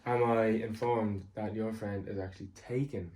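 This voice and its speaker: A man's voice: fairly low pitch, fairly even intonation, moderate pace, darkish tone. Irish guy, 22, chill and jokey, dry humor, just chatting. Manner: dry, joking, laid-back. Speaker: boyfriend guest. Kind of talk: casual chat.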